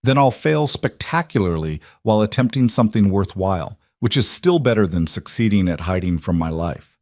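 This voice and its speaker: A man's voice: on the low side, lively intonation, normal speed, darkish tone, no room sound, clean studio sound. A man voicing a guilt-worn single father who speaks steadily and candidly. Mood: confessional.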